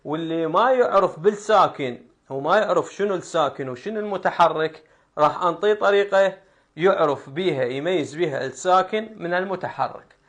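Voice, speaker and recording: A young man with an Iraqi Arabic accent teaches the meter of folk poetry, reciting verse lines slowly, syllable by syllable. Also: on the high side, a bit bright. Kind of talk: spoken lesson on poetic meter.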